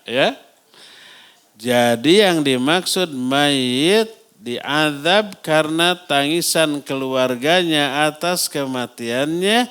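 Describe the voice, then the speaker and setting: Animated Sundanese-accented preacher man. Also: fairly high pitch, clear, resonant tone. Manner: animated, asks the congregation questions and answers them. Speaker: Islamic preacher. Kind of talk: mosque sermon lecture. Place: mosque.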